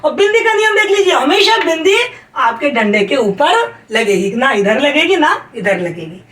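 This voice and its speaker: High-voiced woman teaching Hindi grammar. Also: big pitch swings, moderate pace, fairly bright tone. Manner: emphatic, repeats rules, checks with "clear?"; calls students "beta". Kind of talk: exam-prep lesson. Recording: roomy sound from a distance.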